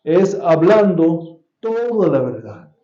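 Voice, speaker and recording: An American pastor preaches a sermon in Spanish inside a church sanctuary, deliberately repeating key phrases and sometimes restarting. His male voice sits on the high side, sing-song with a dark tone. The audio is echoey and slightly dull.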